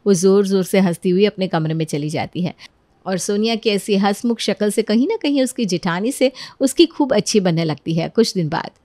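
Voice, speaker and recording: A woman narrating a cartoon story in an even, scripted storytelling manner. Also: mid-range voice, a little fast, no echo.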